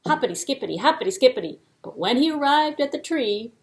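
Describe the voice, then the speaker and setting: A woman storyteller narrates a children's puppet show expressively and playfully, using dramatic pauses. Her voice sits high with lively intonation, and a little hiss or hum is audible.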